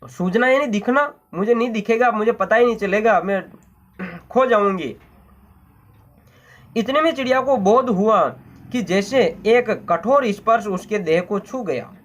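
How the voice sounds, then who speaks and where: Male Hindi teacher with a high voice, retells the story slowly, glosses each hard word, checks in with listeners. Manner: repeats phrases, glosses word meanings, asks "hmm?". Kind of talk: explaining a textbook story.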